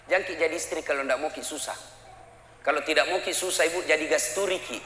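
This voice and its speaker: A man preaching a sermon, animated, acting out mothers and children in raised voices. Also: fairly high pitch, fast, a little hiss or hum. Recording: echoey hall with faint ambience.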